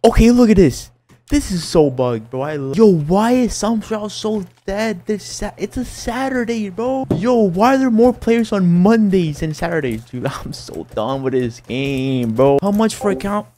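Male gamer, live gameplay commentary, slangy, excitable, dark mellow tone. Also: high-pitched, measured pace, a little hiss or hum. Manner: excitable, slangy, says "bro" constantly. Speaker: gaming YouTuber.

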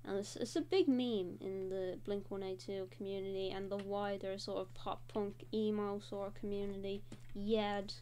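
A woman's voice: mid-range voice, flat delivery, normal speed, few pauses, mellow, slight background noise. A young woman hosting a casual draw-and-talk video, chatting in a rambling way with frequent fillers. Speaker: host.

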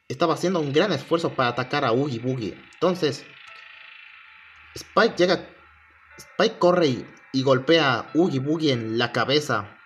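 Halting man narrating. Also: on the high side, a bit bright, a little hiss or hum. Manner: halting, restarts often, strings events with "entonces". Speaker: storyteller. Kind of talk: casual spoken retelling of a fan creepypasta. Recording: faint music behind.

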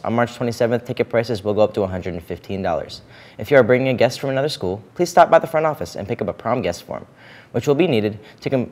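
Brisk teen boy news anchor. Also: on the low side, a little mellow. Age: teens. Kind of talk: reading announcements. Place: school studio, indoors.

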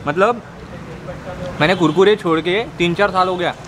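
A young man filming a casual food vlog, excitedly rating a street snack while chewing mid-sentence. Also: high voice, normal speed. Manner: excited, mixes English phrases into casual talk. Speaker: food vlogger. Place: outdoors on a busy city street. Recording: loud street traffic noise. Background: loud street traffic.

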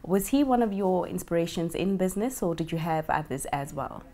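Woman, thirties, low voice, TV host, upbeat questions, lapel mic. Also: expressive, brisk, dark tone. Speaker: TV business show host. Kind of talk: television interview. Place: office with window blinds.

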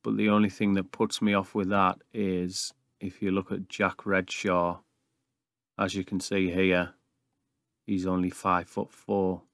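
A man's voice: sits low, flat delivery, a little slow, fairly bright tone, no room sound, clean studio sound. A man in his thirties hosting casual video game commentary, recorded in an attic room. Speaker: YouTube gaming host. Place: small brick-walled attic room.

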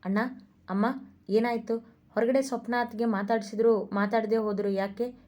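A woman's voice: a little high, steady tone, moderate pace, warm tone, close to an everyday voice. A woman voicing a caring young man who asks anxious questions. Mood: concerned.

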